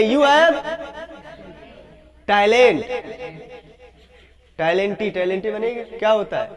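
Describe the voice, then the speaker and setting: A high-pitched man teaching a class, slow and deliberate as he repeats each phrase. He keeps asking whether the students follow, and a roomful of students can be heard around him. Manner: drills phrases aloud, asks class often. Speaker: English teacher. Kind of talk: classroom lesson.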